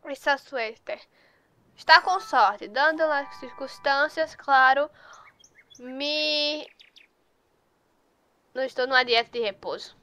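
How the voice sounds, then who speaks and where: A woman's voice: sits high, slow pace, pauses often, sharp tone. A woman giving casual, chatty gameplay commentary and teasing the characters on screen. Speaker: gameplay youtuber.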